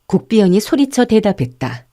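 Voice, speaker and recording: A woman narrating an audiobook in a calm, measured storytelling manner. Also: mid-range voice, dry recording, studio quality. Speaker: audiobook narrator and channel host.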